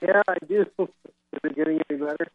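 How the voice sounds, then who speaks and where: A man's voice: on the high side, quick pace, no echo. A man calling in to a radio show on a bad connection. His voice comes through garbled and bubbling, as if underwater, and he talks in a polite, apologetic, hesitant way. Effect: garbled, underwater-sounding, bubbling phone line. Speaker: radio caller. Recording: muffled broken-up phone line.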